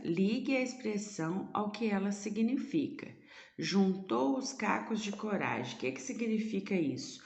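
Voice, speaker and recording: A woman's voice: mid-range voice, echoey room. A woman teacher explaining a lesson remotely, asking her students rhetorical questions as she goes.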